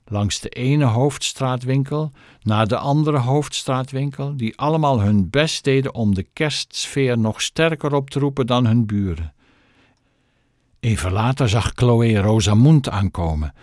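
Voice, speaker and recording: A man's voice: mid-range voice, expressive, measured pace, a little mellow, no room sound, studio quality. A man reading a children's book aloud, telling the story expressively. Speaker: narrator.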